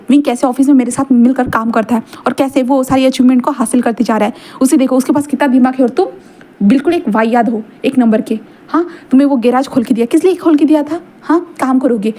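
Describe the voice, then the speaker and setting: A stern middle-aged father who scolds and lectures without pause, dropping a sharp "haan" between complaints, as a woman reader puts him on. The voice is high-pitched but darkly mellow, read aloud as a story.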